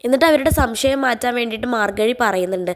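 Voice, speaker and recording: Woman recapping a TV serial, quick delivery, fairly high voice, casual spoken retelling, repeats reporting phrases.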